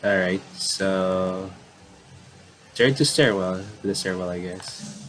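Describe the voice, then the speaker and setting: Reading a visual novel aloud, a man offers relaxed let's-play commentary, wandering a little as he repeats and rewords things. His voice is low-pitched and a bit bright, and he speaks slowly. Some slight hiss or hum runs through the recording.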